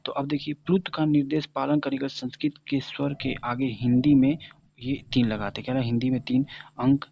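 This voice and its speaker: A man's voice: mid-range voice, fairly even intonation, a little fast, vocal fry, a little hiss or hum. A man teaching Hindi grammar, sounding out letters one by one and answering his own questions as he drills the class. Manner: asks a question, then answers it himself. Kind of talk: classroom-style grammar lesson. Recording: dull lo-fi recording.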